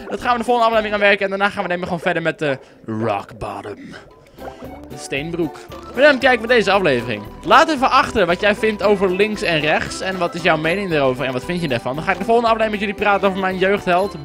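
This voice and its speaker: A young man talks his way through a video game in a loose, rambling let's-play style, dropping fillers and crude jokes as he goes. His voice sits a little on the high side. Game music plays clearly behind him. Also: expressive, fast. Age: young adult. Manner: rambling and chatty, with frequent fillers and crude asides. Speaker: gameplay commentator. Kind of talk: casual let's-play commentary.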